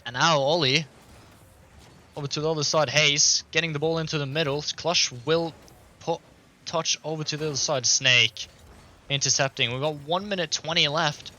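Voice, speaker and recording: A man doing fast, excited play-by-play commentary as an esports caster. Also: fairly high pitch. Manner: quick, excited play-by-play, laughs easily.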